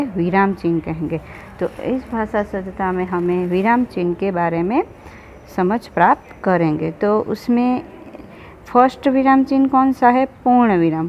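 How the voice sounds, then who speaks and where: A woman teaching a school grammar lesson, who explains slowly and asks questions she then answers herself. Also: medium pitch. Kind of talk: online Hindi grammar lesson. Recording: slightly dull recording with faint background noise.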